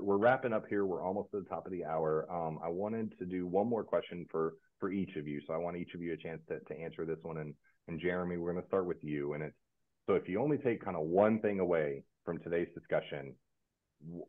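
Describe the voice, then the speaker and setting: A man with a very low voice moderates a panel webinar. He talks in a relaxed way, with plenty of fillers and false starts. His audio comes through thin and tinny, like a phone line. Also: a little fast.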